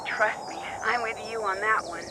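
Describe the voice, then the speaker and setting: A woman's voice: a little high, normal speed, noisy background, close to an everyday voice. An actress playing a friendly young woman helping a friend in a mystery game. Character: George, Nancy's upbeat young female friend.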